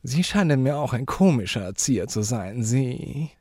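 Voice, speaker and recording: A man's voice: expressive, moderate pace, a little mellow, breathy edge, no room sound, clean studio sound. A man doing a prim, prissy old widow. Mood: preachy. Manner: high, affected, preachy. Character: prim, prissy middle-aged widow lady.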